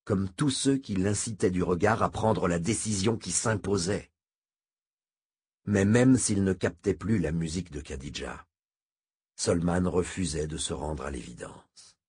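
Deep, husky male audiobook narrator. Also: darkish tone, dry recording, clean studio sound. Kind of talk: scripted narration.

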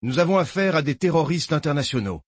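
A man's voice: a little high, lively intonation, quick pace, dry recording, pitched above the performer's own voice. A man voicing a curt, commanding male federal agent giving clipped orders over the radio.

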